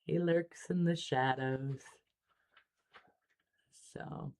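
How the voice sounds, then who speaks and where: A woman hosting a casual livestream about miniature painting, relaxed and chatty with frequent ums. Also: low voice, very slow, creaky.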